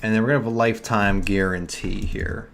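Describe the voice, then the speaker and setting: A man's voice: fairly low pitch, steady tone, fairly quick, gravelly, a bit bright. A young man with a New York accent hosting a casual live screen-share tutorial, chatting to viewers and correcting himself as he works. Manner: chatty, self-correcting, talks to chat while working. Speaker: livestream host teaching online store building.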